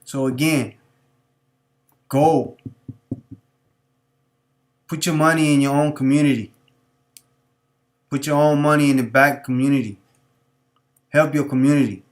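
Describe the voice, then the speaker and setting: A man's voice: medium pitch, fairly even intonation, unhurried, pauses often. A man hosting a live stream, talking off the cuff in a preachy, repetitive, street-talking way. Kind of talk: unscripted monologue.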